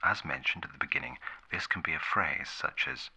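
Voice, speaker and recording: A man playing a formal, condescending 1950s public-service ad announcer in a whispered role-play, a soft gravelly voice and deadpan, measured delivery. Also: full character voice, poor audio. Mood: deadpan instructive. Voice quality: breathy, soft, gravelly low voice.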